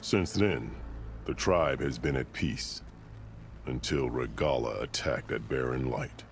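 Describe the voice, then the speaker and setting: An exaggerated, very deep, gravelly male voice plays a stern, proud, commanding warrior chief in a dramatic video game, speaking in a solemn, formal, measured, declarative storytelling manner. Loud music sits behind the voice, along with slight background noise.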